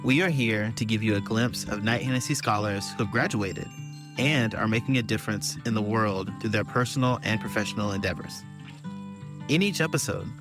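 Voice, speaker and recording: A man reading a scripted podcast intro in a smooth, announcing manner. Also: fairly low pitch. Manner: smooth, read-aloud announcing. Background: guitar music.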